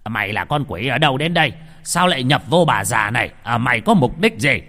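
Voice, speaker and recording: A man voicing a burly, hot-tempered monk who shouts accusations, recorded with a long reverb. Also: medium pitch, very animated, fairly quick. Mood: angry.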